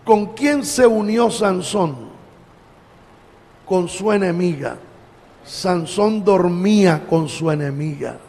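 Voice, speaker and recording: Male pastor preaching in a church, slow and high-pitched, long hall echo. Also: mellow. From Colombia. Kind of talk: sermon.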